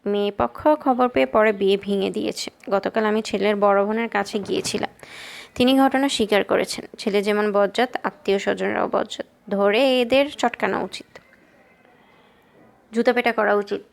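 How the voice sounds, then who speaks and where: A woman's voice: medium pitch, fairly even intonation, normal speed, vocal fry, natural voice. A woman reading the lines of an agitated, scolding middle-aged father in an audiobook. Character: worried middle-aged father, indignant and protective.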